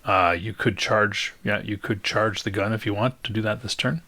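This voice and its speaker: A man acting as game master, narrating a tabletop game and patiently explaining rules and scenes with many pauses and fillers. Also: fairly low pitch, fairly even intonation, pushed and bright, dry recording.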